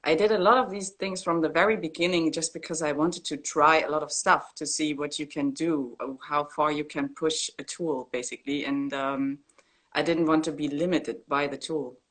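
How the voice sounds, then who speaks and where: Low-voiced woman on a video call. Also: normal speed. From East Germany. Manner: relaxed, candid, with frequent fillers and laughs. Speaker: graffiti artist guest. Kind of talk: casual video-call interview. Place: indoor room at home. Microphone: laptop webcam on a video call.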